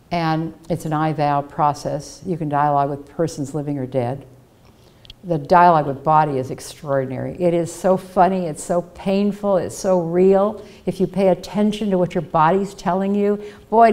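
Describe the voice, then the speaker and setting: Speaking as a guest at a library auditorium podium, an older woman shares earnest, reflective personal stories through a headset mic, giving quoted people their own voices. Her voice is low-pitched and a little mellow.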